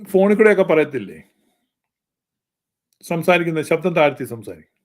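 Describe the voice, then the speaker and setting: A man's voice: a little high, expressive, normal speed. A man preaching in a fervent, scolding style, with pointed repetition. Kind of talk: sermon-style critique.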